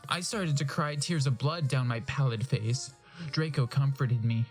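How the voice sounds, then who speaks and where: Faint music plays behind a man who dramatically reads fan fiction, stopping now and then for amused asides. His voice is medium-pitched and his pace measured.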